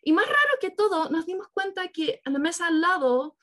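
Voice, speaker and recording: A woman with a bright, high voice delivers a sermon to a congregation. She tells the story as an imagined scene and keeps asking her listeners for agreement as she goes. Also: very animated, normal speed. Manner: engaging, keeps checking in with listeners. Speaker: preacher.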